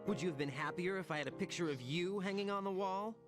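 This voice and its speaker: An actor playing a guarded, evasive young male soldier, defensive and halting, in a dramatic video game. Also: high voice, natural voice. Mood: exasperated. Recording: loud music behind the voice.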